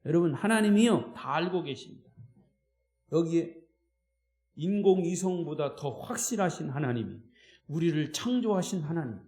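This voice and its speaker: A man's voice: on the high side, expressive, normal speed, a little mellow, reverberant. A man preaching a sermon as pastor, emphatic, with repetition and rhetorical questions. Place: church sanctuary.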